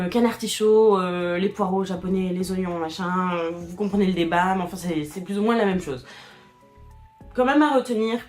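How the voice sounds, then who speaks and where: Woman, casual voice-over explainer, mid-pitched, halting and filler-heavy, light music underneath. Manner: hesitant, many fillers and restarts, laughs often. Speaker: video creator explaining internet history. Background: faint background music.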